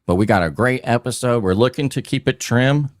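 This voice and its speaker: A podcast host, hot and sweating, runs a casual crypto talk show, rambling emphatically with lots of fillers and restarts. His mid-range voice moves fairly quickly, and the recording has no room sound.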